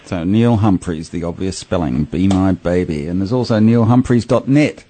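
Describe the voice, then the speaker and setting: A man's voice: low-pitched, moderate pace, mellow. A man hosting a radio interview, guiding the talk with brief prompts and short replies. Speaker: radio host.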